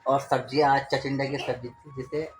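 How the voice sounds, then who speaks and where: At home in the Garhwal hills of India, a father who vlogs about his family chats casually with a Garhwali accent, rambling and coaxing his child. He talks at normal speed in a medium-pitched voice with little pitch movement. Faint music sits behind him, and the poor home audio has clear background noise.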